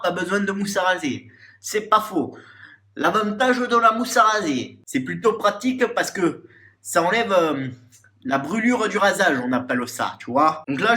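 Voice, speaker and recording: A man's voice: a little high, sharp tone. A young man hamming up a crude, boastful macho persona in a comic beauty tutorial, recorded at home in his bathroom. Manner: crude, boastful macho bravado, tagging lines with "hein". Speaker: comedy YouTuber in character.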